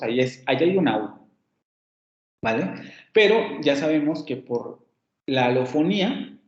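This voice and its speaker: A man's voice: mid-range voice, a little mellow, echoey room, lo-fi sound. A man giving an online phonetics lecture. He explains step by step, repeats example words and corrects himself as he goes. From Mexico. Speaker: university phonetics teacher.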